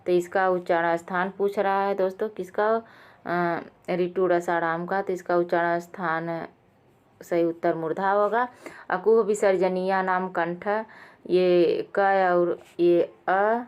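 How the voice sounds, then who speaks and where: A woman teaching Sanskrit exam questions, going through each answer, often calling out to her viewers and correcting herself with a quick apology. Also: lowish voice, steady tone, smooth. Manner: addresses viewers as friends, with fillers and self-corrections. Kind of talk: quiz lesson explaining answers.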